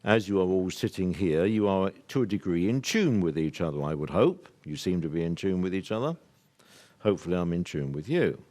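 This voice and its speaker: An older man from the UK speaks to a live workshop audience in a somewhat low voice. He is earnest and emphatic, and he rambles, restarts and laughs along the way. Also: expressive, a little fast, darkish tone. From United Kingdom.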